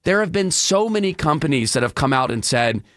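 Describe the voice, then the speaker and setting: Hoarse, frog-throated male radio host. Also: very animated, a little fast, a bit bright, dry recording, clean studio sound. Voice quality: deeper than usual, frog-throated. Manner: projecting from the diaphragm, emphatic opinionated delivery. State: hoarse, congested voice. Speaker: radio talk show host. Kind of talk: solo radio talk monologue. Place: radio studio.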